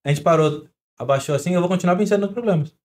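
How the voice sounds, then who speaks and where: A young adult man with a Brazilian Portuguese accent appears as a doctor guest in a podcast interview, explaining things quickly and chattily with everyday examples. His voice is high-pitched with a darkish tone.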